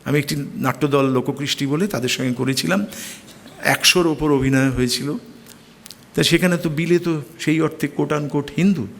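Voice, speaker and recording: A middle-aged man with a slightly high voice tells anecdotes from his life as a stage actor. His lecture delivery is expressive, and he bursts into animated quotes. The sound rings with the long reverb of a lecture hall. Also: normal speed, vocal fry.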